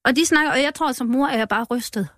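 A woman who is a mother, telling a personal account as a guest in an interview, halting and emotional with many restarts. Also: sits high, a bit bright, no echo, clean studio sound. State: moved.

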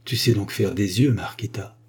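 A man voicing a kindly old village priest who speaks softly and patiently, in a storybook reading. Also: normal speed, breathy edge. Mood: gentle. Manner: soft, low and quiet.

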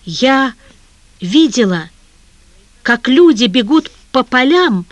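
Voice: mid-range voice, animated, normal speed, no echo, close to an everyday voice. An audiobook reader voicing a shaken young female reporter who trembles on the edge of hysterics. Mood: agitated. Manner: trembling, fragile, close to hysterics. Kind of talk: audiobook character reading.

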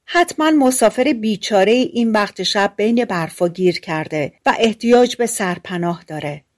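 A woman's voice: medium pitch, lively intonation, lightly acted. A woman voicing a kind mother in a fairy tale audiobook, calling out in a slightly raised voice. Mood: caring. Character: kind caring mother of two girls.

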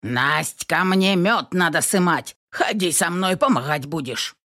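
A woman's voice: on the low side, lively intonation, unhurried, a bit bright, no room sound, clean studio sound. A woman voicing a tall, thin, half-deaf old village man who hollers in rustic dialect. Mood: hollering.

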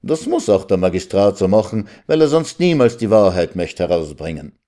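A man's voice: on the low side, big pitch swings, normal speed, warm tone. A man voicing a condescending village lawyer who lectures others on the law. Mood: lecturing. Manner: lecturing, know-it-all. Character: know-it-all old village lawyer, condescending.

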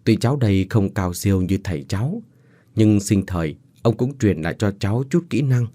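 Respectful young sorcerer's heir, earnest, low mellow voice, male narrator doing him. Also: lively intonation, normal speed. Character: polite young man, heir of an old sorcerer.

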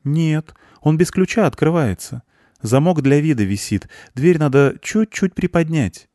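A man's voice: a little high, lively intonation, measured pace, mellow, dry recording, clean studio sound, pitched above the performer's own voice. A man voicing a friendly, cheerful young blonde woman in an audiobook. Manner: light, friendly.

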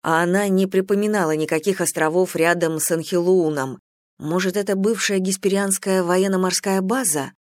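An audiobook reader narrating a story in an even, measured way. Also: medium pitch, no room sound, studio quality. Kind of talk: scripted narration.

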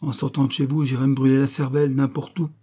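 A man's voice: medium pitch, flat delivery, quick pace, warm tone, pitched above the performer's own voice, natural voice. A man voicing a distraught young man who talks in a plaintive, stammering and agitated way, in an audiobook. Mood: plaintive despair. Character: distraught young man, rich man's son, despairing. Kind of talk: audiobook character voice.

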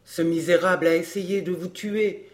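A man's voice: high voice, steady tone, normal speed, close to an everyday voice. A man reading an earnest young lover. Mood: urgent. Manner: earnest, urgent. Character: devoted young man in love.

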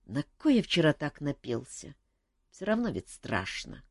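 A woman's voice: deep voice, big pitch swings, a little slow, dry recording, exaggerated voice. A woman voicing a tired, joking male court jester who mocks himself and others in a dry room. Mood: wry, weary. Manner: wry, self-mocking banter.

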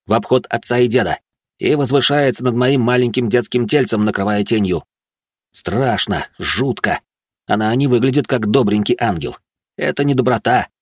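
A man's voice: lowish voice, dry recording, studio quality. A man narrating a first-person audiobook in terse, heated storytelling.

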